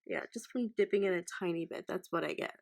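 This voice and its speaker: A woman's voice: on the low side, fast, vocal fry, a little mellow. A tipsy woman in her twenties chatting casually to camera as a beauty vlogger, with informal, slangy delivery. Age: 20s. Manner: informal, sweary, effusive slang. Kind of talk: casual makeup tutorial chat to camera.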